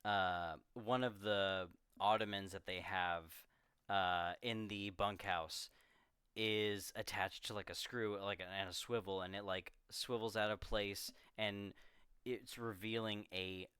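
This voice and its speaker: A man's voice: on the low side, steady tone, takes it slowly, pushed and bright, clear, resonant tone, no room sound, studio quality. A man on a podcast casually retelling a film's scenes, rambling and quoting characters as he goes. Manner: rambling, retells scenes with quoted voices and laughs. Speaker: podcast co-host. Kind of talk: casual movie discussion.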